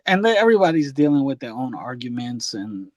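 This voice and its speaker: A man on a podcast in casual chat, telling a story in a rambling, halting way. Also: medium pitch, very animated, a little mellow. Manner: rambling, halting, many fillers and restarts.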